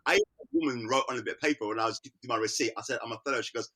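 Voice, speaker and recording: A middle-aged man with a London accent, an artist chatting casually and telling animated stories, acting out the people he quotes. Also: mid-range voice, very fast. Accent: London English. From Britain. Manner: animated storyteller, acts out quoted voices with laughter. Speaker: artist guest. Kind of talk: casual conversation.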